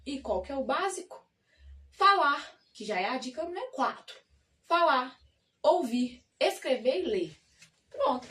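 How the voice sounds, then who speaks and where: High-voiced woman giving playful tips. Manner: lively, playful, asks herself questions and answers them. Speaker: language-learning vlogger. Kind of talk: casual tips talk to camera. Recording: voice a bit far from the mic, faint noise.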